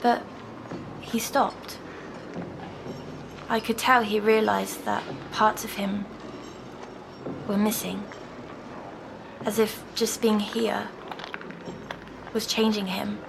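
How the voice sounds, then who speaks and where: A woman, softly recounting a dream as a patient in an audio drama. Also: mid-range voice, flat delivery, gravelly, background noise. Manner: soft, slow, dreamy recounting.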